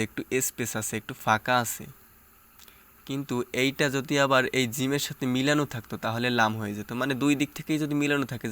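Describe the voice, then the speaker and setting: A man teaching Quran reading, spelling out each syllable slowly and deliberately, then explaining common mistakes. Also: mid-range voice, sharp tone, clear, resonant tone, no echo. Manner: slow, deliberate syllable-by-syllable recitation. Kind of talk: step-by-step spelling drill and explanation.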